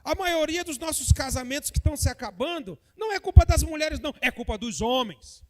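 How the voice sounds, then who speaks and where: A man's voice: very high-pitched, lively intonation, a little fast, darkish tone, in a large hall. A man teaching a church Bible lesson, talking straight to the congregation with joking asides and frequent tag questions. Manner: addresses the congregation directly. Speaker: Sunday school teacher.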